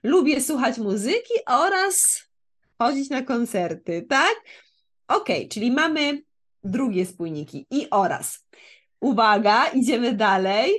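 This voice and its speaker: Slow, animated Polish woman teaching. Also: fairly high pitch. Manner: didactic, repeats and checks understanding. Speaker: Polish language teacher and podcast co-host. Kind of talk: conversational language lesson with example sentences.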